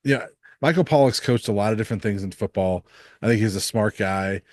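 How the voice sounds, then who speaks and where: A man hosting a casual sports podcast, talking in a relaxed, measured way with many ums and uhs. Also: fairly low pitch, dry recording, studio quality. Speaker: sports reporter and podcast host.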